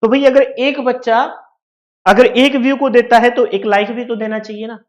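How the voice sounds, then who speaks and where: Speaking at a moderate pace in an extremely high, level voice, this man has a Hindi accent with a Haryanvi tinge. His exam-prep maths class draws on ordinary shop situations, and he quizzes his students as he goes.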